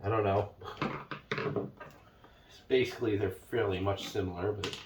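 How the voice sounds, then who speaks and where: A man's voice: lowish voice, steady tone, moderate pace, noisy background. A man giving casual unboxing commentary, rambling and unsure, thinking aloud with fillers as he moves around his home, sometimes drifting away from the camera mic. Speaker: product reviewer.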